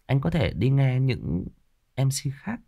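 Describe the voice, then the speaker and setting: A man's voice: mid-range voice, big pitch swings, slow pace, creaky, mellow. A man with a Northern Vietnamese accent, an audiobook narrator speaking off the cuff and defensively to a critical listener, with many fillers and restarts. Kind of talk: unscripted direct address to a commenter.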